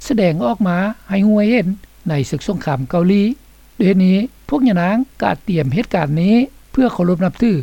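Mellow woman narrator, dry dull recording. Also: medium pitch, brisk, vocal fry, dry recording. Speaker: radio report narrator. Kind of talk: scripted documentary narration and translation. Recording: dull, slightly lo-fi, dry studio sound.

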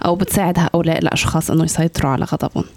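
A woman's voice: deep voice, fairly even intonation, rapid-fire, gravelly, darkish tone. A woman co-hosting a radio program and putting formal questions to a guest. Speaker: radio co-host. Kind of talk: interview questions.

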